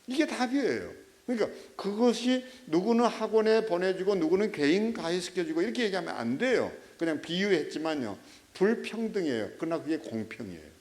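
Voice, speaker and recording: Lively, higher-voiced preaching man. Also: brisk. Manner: animated storytelling, prodding listeners with rhetorical checks. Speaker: pastor. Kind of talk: sermon.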